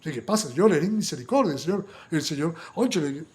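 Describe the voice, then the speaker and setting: A male preacher with a fairly high voice delivers a fervent Bible study sermon. He stumbles into repeated words and restarts, then rises into loud, urgent stretches before dropping back to quiet, intimate asides. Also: lively intonation, fairly quick. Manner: fervent, many restarts and repetitions, swings between loud bursts and quiet asides.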